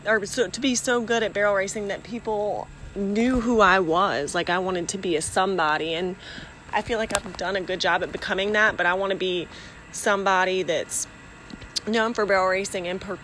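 A woman's voice: mid-range voice, fairly even intonation, moderate pace, a bit bright, poor audio. A woman giving a casual, encouraging talk to her followers in an earnest, informal way, recorded outdoors. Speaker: podcast host and barrel racer. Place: outdoors, near dogs and horses. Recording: outdoor background noise.

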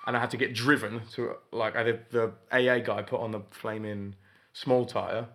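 A man's voice: mid-range voice, flat delivery, moderate pace, a bit bright. Man in his twenties, rambling. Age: 20s. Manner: rambling, wry, self-deprecating. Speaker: podcast co-host. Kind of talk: casual chat.

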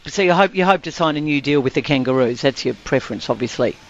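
An Australian man with a fairly high voice hosts a sports interview on the radio. He asks in a conversational way, and the audio is a little muffled. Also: animated, quick pace.

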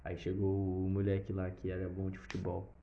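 A young man with a Brazilian accent telling a personal story in a casual, animated way, with sound effects and swearing. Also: low voice, moderate pace, vocal fry, slight background noise. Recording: slightly dull lo-fi recording.

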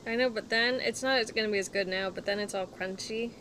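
A woman's voice: medium pitch, quick pace. A young woman co-hosting a casual podcast in a laid-back way, sometimes talking while eating. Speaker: podcast co-host. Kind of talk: casual chat. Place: outdoors near passing traffic. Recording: faint outdoor background noise.

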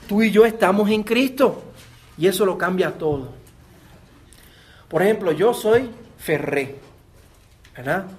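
A man with a Puerto Rican accent delivers a sermon in a fairly high voice. He preaches earnestly, repeating words and turning to his listeners with direct questions. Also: measured pace, pauses often, a little mellow. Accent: Puerto Rican Spanish. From Puerto Rico. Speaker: pastor.

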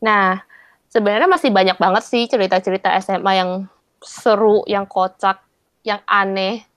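Woman, young adult, podcast co-host, relaxed explainer, dry close sound. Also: mid-range voice, moderate pace, clear, resonant tone, no echo. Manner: relaxed, explanatory, wraps up the episode. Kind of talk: casual chat.

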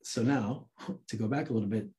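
Speaking a little fast in a voice on the low side, the American interview guest from Santa Cruz, California, who works in film, shares a personal story. He keeps it casual and animated, acting out the dialogue he quotes.

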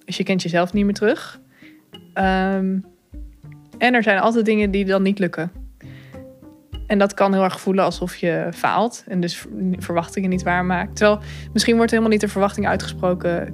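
A woman telling her own story, thoughtful and candid, pausing with fillers and small laughs. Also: mid-range voice, fairly even intonation, soft background music. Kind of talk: personal account, reflective.

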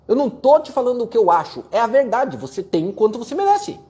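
A man giving a blunt, profane motivational rant while answering viewer questions, forceful and mocking toward complainers. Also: extremely high pitch, big pitch swings, fast talker. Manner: forceful, profane, mocks complainers in whiny voices.

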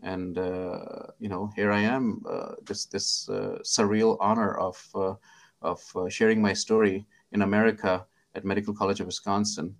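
Gravelly low-voiced Indian man. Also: flat delivery. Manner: halting, many fillers and restarts, warmly self-deprecating. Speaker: guest, psychiatrist. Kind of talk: reflective storytelling interview.

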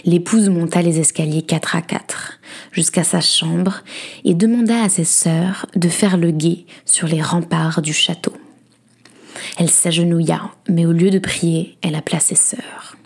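A woman host reading a dark fairy tale aloud in a soft, breathy, often whispered storytelling voice. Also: fairly low pitch, steady tone, measured pace. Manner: hushed, dramatic.

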